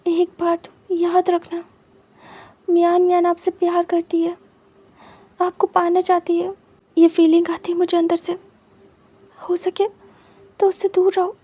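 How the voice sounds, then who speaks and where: A woman voicing a hurt, jealous young man who talks to his husband in a quiet, reproachful way. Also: extremely high pitch, monotone, unhurried, pauses often.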